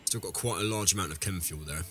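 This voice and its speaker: Talking fast in a low, sharp voice, an audibly ill man hosts a let's play, sounding deeper than he usually does. He addresses viewers casually, rambling and fixing his own words. Soft music plays underneath.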